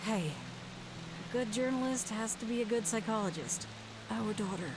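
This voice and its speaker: A woman's voice: a little high, normal speed, natural voice. Woman doing a supportive firm reporter in a video game, lots of noise behind. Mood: firm, determined. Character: supportive, determined female journalist. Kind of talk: dramatic video game voice acting.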